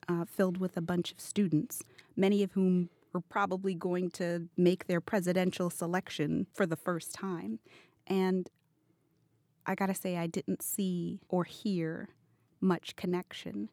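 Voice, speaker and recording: A young woman reporter giving a quick, fluent account of her field reporting in a casual chat. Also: lowish voice, steady tone, a little mellow, no room sound. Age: young adult. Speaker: news reporter.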